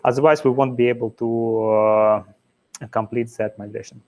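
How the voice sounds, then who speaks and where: A man's voice: mid-range voice, steady tone, normal speed, darkish tone, muffled recording. Man giving a technical meetup talk. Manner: explains step by step with frequent "uh" fillers. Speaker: conference speaker. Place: meetup venue.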